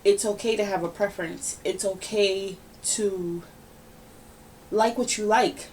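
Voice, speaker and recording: A woman hosting a casual podcast, giving her opinions in a lively, ranting, conversational way. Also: mid-range voice, a little slow. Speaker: podcast host. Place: home room, relaxed podcast setting. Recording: somewhat distant mic with faint background noise.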